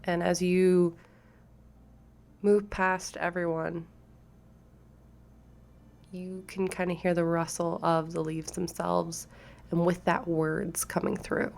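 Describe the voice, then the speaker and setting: A woman's voice: on the low side, little pitch movement, slow, vocal fry, pauses often, a little mellow, a little hiss or hum. A woman narrating a tabletop role-playing game as the game master.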